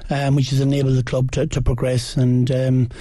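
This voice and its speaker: A man's voice: medium pitch, monotone, normal speed, dark tone. A man with a west of Ireland accent chatting casually as a sports panel guest, modest and a little hesitant. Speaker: sports guest, Gaelic football goalkeeper.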